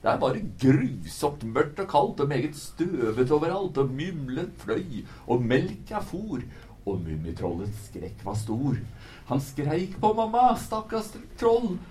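A male reader telling a rhymed children's story in a lively, sing-song way. His pitch swings widely from line to line, leaping up for excitement and dropping low for suspense, at a moderate, mid-range voice. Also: slight background noise. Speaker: book talk presenter. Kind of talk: reading a rhymed picture book aloud.

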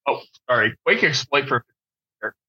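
A man's voice: mid-range voice, expressive, very fast, slightly rough. A man co-hosting a casual podcast, heard through a Bluetooth headset mic that makes him sound dull and far away. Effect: dull, distant Bluetooth headset mic. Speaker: podcast co-host. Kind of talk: casual chat about a tabletop game.

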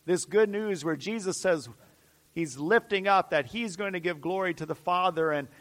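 A man preaching a sermon with fervent, repeated emphatic phrases, swinging from loud declarations to hushed near-whispers. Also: sits high, moderate pace.

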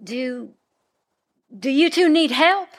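A woman's voice: sits high, expressive, takes it slowly. An actress playing a kind, motherly woman driving a car. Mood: tender. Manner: kindly, motherly, drawling. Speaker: lead character Thyme.

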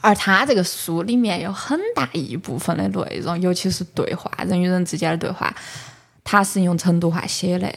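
A woman's voice: lowish voice, moderate pace, gravelly, breathy edge. A woman with a Sichuanese accent hosting a podcast in a casual, explanatory way, talking about books and dropping in English words. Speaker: podcast host. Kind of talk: casual book talk.

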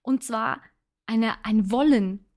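A woman's voice: a little high, takes it slowly, darkish tone. A woman talking casually on her self-help podcast, thinking aloud and giving earnest advice. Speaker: podcast host.

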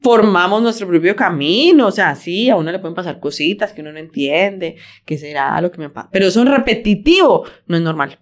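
A woman's voice: fairly low pitch, animated, fairly quick, hardly any pauses. A woman co-hosting a casual chat, telling anecdotes and stressing her points by repeating them. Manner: emphatic, repeats herself, tells anecdotes. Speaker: podcast co-host.

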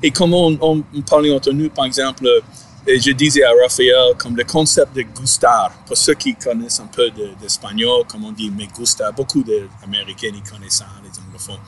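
A man's voice: mid-range voice, steady tone, fairly bright tone. Male interviewer, native English speaker, casual and hesitant, with a faint hum of traffic. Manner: halting, searching for words in a second language. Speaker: interviewer, language teacher.

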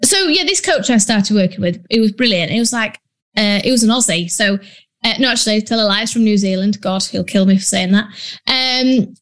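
In her mid-range voice, a little fast, a business coach from Yorkshire, northern England, chats bluntly through a casual solo podcast. Ums come often, British slang too, all in a Yorkshire accent.

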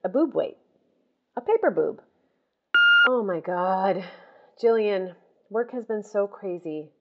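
A woman's voice: medium pitch, expressive, slow pace, dull audio, heavy background noise. A young woman in a comedic audio drama leaving rambling, exasperated voice messages. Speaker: lead character leaving voice messages.

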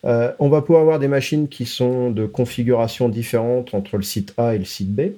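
A man on a casual tech podcast walks through product versions, pausing often on filler sounds as he gathers his thoughts. He slips English technical terms into his talk, and his pitch sits in an ordinary middle range. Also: steady tone, mellow. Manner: explanatory, hesitant with frequent "euh" fillers. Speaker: podcast co-host explaining product releases.

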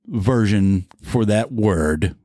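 A man's voice: on the low side, expressive, extremely slow, warm tone, no echo, studio quality. Giggly, rambling male podcast co-host. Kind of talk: casual podcast chat.

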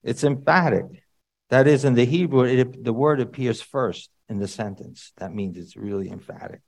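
A male preacher talks through a sermon in a relaxed, conversational way. He peppers it with asides and rhetorical questions to the congregation, and now and then he jumps to a loud, emphatic shout before settling back down. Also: mid-range voice, normal speed, gravelly.

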